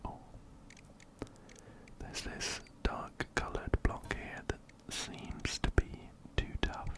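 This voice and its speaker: An ASMR host plays a game while whispering softly and breathily, never rushing. He is a man speaking very close to a binaural mic that carries his gentle voice across both ears.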